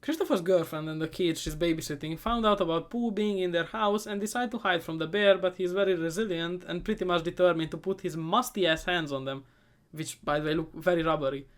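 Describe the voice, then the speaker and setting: A man giving a comedic movie recap, sarcastic and profane, rambling and often trailing off into quieter asides. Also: sits high, a little fast, hardly any pauses. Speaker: movie reviewer.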